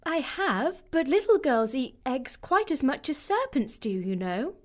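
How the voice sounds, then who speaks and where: Woman as Alice, a high-voiced curious little girl. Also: very animated, a little slow. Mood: protesting. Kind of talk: audio drama acting.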